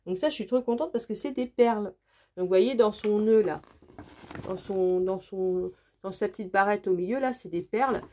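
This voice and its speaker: A woman from France talks through her craft kits in a chatty, eager way. Her voice sits at an everyday middle pitch, with lots of fillers and repeated praise. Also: normal speed, dark tone. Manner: chatty, enthusiastic, many fillers. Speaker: craft vlogger. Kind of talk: casual unboxing chat.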